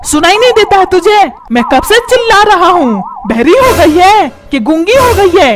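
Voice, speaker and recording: A woman voicing a short-tempered middle-aged cartoon father who yells and scolds his family. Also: very high voice, big pitch swings, moderate pace, noisy background. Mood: angry. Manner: yelling, scolding, self-pitying. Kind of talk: cartoon voice acting. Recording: music playing underneath.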